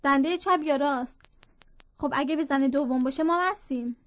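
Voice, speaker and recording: Brief: a woman doing scornful village gossips, high and jeering. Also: lightly acted. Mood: gossiping. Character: gossiping, vengeful crowd of villagers.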